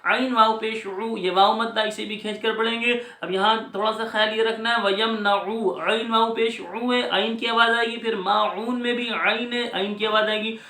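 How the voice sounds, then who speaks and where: A man teaching Quran recitation, explaining each letter and vowel step by step in a brisk, patient way. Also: sits high, steady tone, sharp tone, reverberant. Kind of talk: spelling out recitation rules.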